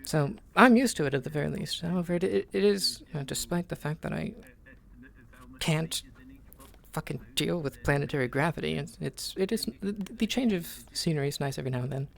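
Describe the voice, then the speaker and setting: A man talking casually in character during an online roleplay, halting and repeating words as he restarts. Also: fairly high pitch, expressive, creaky.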